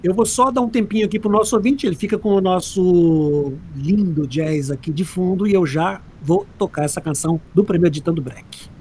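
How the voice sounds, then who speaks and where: A man co-hosting a community radio show, talking to listeners in a brisk, casual way. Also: sits high, warm tone, husky. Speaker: radio co-host, professor.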